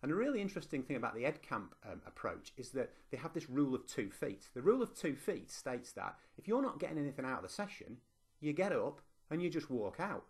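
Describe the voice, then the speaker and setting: This fast-talking middle-aged man has a mid-range voice with big pitch swings and a breathy edge. A university lecturer and teacher with a Lancashire accent from northwest England, he presents conversationally to teachers at an online conference, often saying um and starting over.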